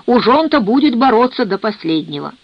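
A woman voicing an eager, excitable young sailor who talks with enthusiasm, in a dull, dry recording. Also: on the high side, a little fast, no echo. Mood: cheerful.

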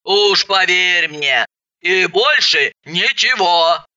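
A woman voicing a loud, nervous and blunt woman who speaks slowly and heavily. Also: low voice, lo-fi sound.

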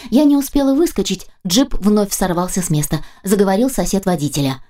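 A woman reading a first-person audiobook aloud in a lively, ironic manner. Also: medium pitch, brisk. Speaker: audiobook narrator.

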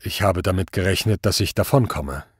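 A man voicing a calm, stubborn older craftsman who answers a court tersely in a story reading. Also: low voice, fairly quick, breathy edge, no echo, studio quality, voice pushed down. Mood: cool. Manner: cool, terse, quiet.

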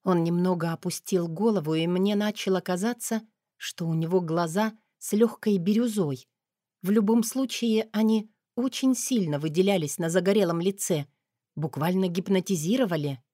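Female narrator with a low voice and a dry, close sound, expressive first-person audiobook reading. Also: normal speed, no room sound.

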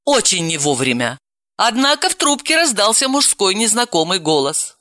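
A woman narrating a novel in an expressive, brisk storytelling manner. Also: medium pitch, no room sound, studio quality. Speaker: audiobook narrator. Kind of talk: scripted narration.

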